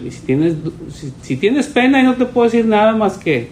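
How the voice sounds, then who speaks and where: A man, a pastor teaching his church in a relaxed, storytelling way. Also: sits high, brisk, slight background noise, poor audio. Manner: conversational, storytelling, voices quoted people.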